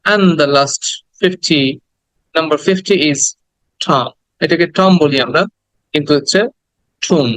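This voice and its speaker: Male teacher, Bangladeshi accent, slightly high voice, patient drilling delivery, dry close mic. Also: slow, pauses often, fairly bright tone, no room sound, rough recording. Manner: drills words by repeating them, coaxing listeners to repeat. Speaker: English pronunciation teacher. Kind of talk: pronunciation lesson.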